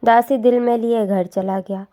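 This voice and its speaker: A woman narrating a dramatic story in a steady, earnest scripted reading. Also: fairly high pitch.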